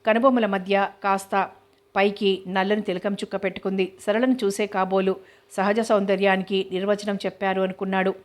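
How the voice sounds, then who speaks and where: A woman reading a novel aloud as an audiobook, in a steady, even narrating voice. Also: mid-range voice, moderate pace. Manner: even, steady reading, voicing all characters lightly. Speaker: novel reader.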